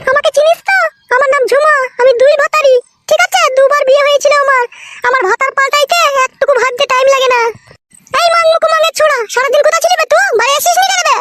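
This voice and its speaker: A man's voice: extremely high pitch, little pitch movement, fast, music in the background. A man voicing a foul-mouthed, twice-married village mother-in-law in a cartoon, screeching abuse. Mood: scolding. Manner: screeching, abusive, shouting insults. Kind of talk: cartoon voice acting.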